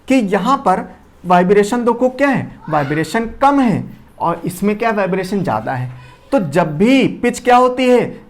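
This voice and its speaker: A man giving a classroom lecture. He asks and answers his own questions and keeps checking that everyone has understood. He drops his voice low and quick, then gets loud and fast to show what he is teaching. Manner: repeats key points with rhetorical questions, checks understanding; shifts loudness and speed to demonstrate.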